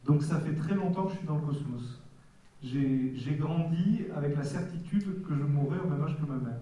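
A man in his forties from Nice, a guest author answering questions in a candid, halting way at a public event. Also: fairly high pitch, mellow. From Nice, France. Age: 40s. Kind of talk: casual public Q&A. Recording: echoey hall from far off.

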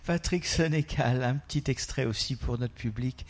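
A male host introducing the readers in a relaxed, chatty way, laughing at times. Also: mid-range voice, moderate pace. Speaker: event host. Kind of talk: casual hosting.

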